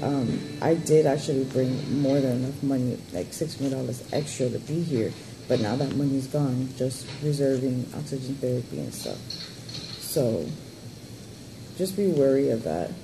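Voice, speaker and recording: A woman's voice: extremely low pitch, normal speed, noisy background. A woman in her thirties giving a personal update in casual chat, candid and blunt, rambling and swearing freely. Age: 30s. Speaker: vlogger giving a surgery update.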